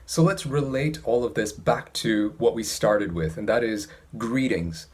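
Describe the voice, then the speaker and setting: A man giving an instructional talk as an English teacher, speaking in a precise, measured way with careful enunciation. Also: lowish voice, a little mellow, husky.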